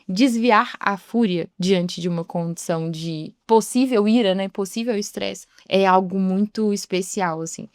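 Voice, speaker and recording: A woman's voice: medium pitch, clear, resonant tone, no room sound, clean studio sound. A young woman giving a reflective devotional talk in a chatty way, acting out the voices she quotes.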